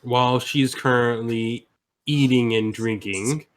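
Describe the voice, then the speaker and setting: A man's voice: medium pitch, fairly even intonation, slow pace. Casual man running a tabletop game. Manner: casual, swearing, laughing, with fillers. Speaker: game master.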